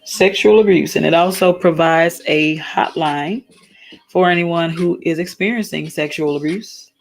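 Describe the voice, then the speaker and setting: A woman's voice: fairly low pitch, unhurried, creaky, faint music behind. A tired woman with a slightly worn voice hosts a casual solo talk. She speaks earnestly, halts and restarts, and reads definitions aloud. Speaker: talk stream host.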